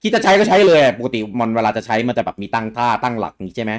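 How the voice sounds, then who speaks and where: A young man co-hosting a casual gaming news talk show, getting animated and loud when excited. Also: mid-range voice, rapid-fire. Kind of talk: casual chat.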